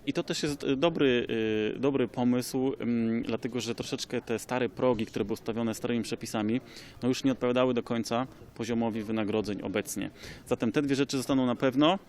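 Guy lawyer explaining stuff, calm and measured, lots of ums, pretty average pitch. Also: a little hiss or hum. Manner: measured, with frequent hesitation fillers. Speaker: lawyer commenting on tax changes. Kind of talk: expert comment.

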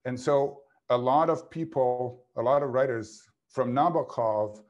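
A man's voice: medium pitch, a little slow, a little mellow, highs cut off. A man in his fifties, an author on a panel, speaking over a video call from a home office and working through his ideas in long, thoughtful clauses. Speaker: author guest. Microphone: video call, computer mic.

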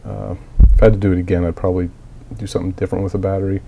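Man, low gravelly voice, getting over a cold, methodical hobby walkthrough, plain and hesitant. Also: little pitch movement, racing, dark tone, slight background noise. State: recovering from a cold, coughing. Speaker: miniature hobbyist. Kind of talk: casual tutorial walkthrough.

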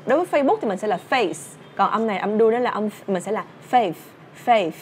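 A woman's voice: medium pitch, lively intonation, very fast, a little hiss or hum. A young woman with a Vietnamese accent teaching English through a song, explaining words and drilling pronunciation.

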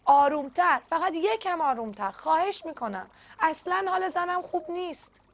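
A fretful clownfish father who begs the others to help with his eggs, as a woman puts him on. The voice sits high with a gravelly edge. The storybook audio is dull and lo-fi. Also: expressive, fairly bright tone, heavily acted. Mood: pleading. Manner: pleading and worried. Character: anxious, devoted male clownfish father. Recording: dull lo-fi recording.

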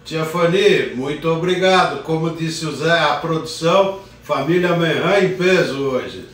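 Filmed from a distance on a phone camera, an older man runs a relaxed live cooking show in his own kitchen, greeting viewers by name as he chats. His voice is on the high side and fairly bright, at a measured pace. The sound carries kitchen echo and a little hiss or hum.

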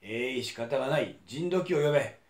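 Man playing a booming hell king, Kansai accent, lively, bossy, echoey room. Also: normal speed, close to an everyday voice. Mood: stern. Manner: booming, scolding, impatient. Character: pompous gruff male king of hell.

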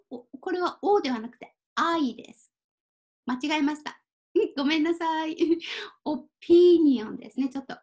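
Speaking with careful slowness, a high-pitched, dark-toned teacher walks through reading Japanese kanji, mixing in plain English. When she spots her own typo, she laughs and says sorry.

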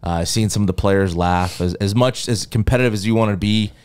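A man co-hosting a casual sports podcast, telling stories with excitement, swearing and laughing at himself. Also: fairly low pitch, brisk, clean tone. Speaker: podcast co-host.

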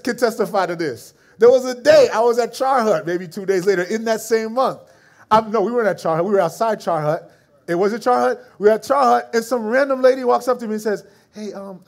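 High-voiced male pastor telling stories. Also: creaky. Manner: animated, acts out the people in his stories; drops to a soft, slow voice for reflective moments. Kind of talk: storytelling sermon.

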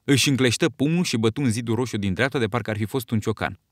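A man reading an audiobook in a measured, steady storytelling voice. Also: medium pitch, no room sound, studio quality. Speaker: audiobook narrator. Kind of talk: scripted narration.

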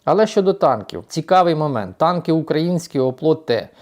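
A man's voice: fairly high pitch, sing-song, fairly quick, a little mellow. A man giving casual, ironic news commentary, talking to his viewers as friends. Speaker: political commentator.

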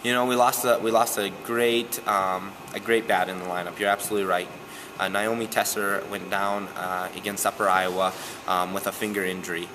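A young man coaching softball talks through a postgame interview in a gym. His voice sits low, and he speaks with earnest steadiness, often pausing on "um". A clear hiss runs under the recording. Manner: earnest, steady, frequent "um" fillers. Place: gym, indoors.

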